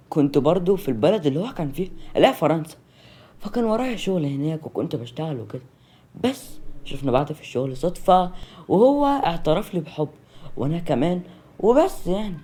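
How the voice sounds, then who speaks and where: A woman's voice: sits low, sing-song, a little fast, warm tone. A storyteller voicing a polite but hesitant young woman with an Egyptian accent. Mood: guarded.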